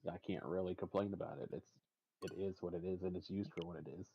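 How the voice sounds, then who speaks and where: A man's voice: low-pitched, fairly even intonation, quick pace, dark tone, muffled recording, a little hiss or hum. A young man hosting a game stream, chatting casually and rambling with many fillers.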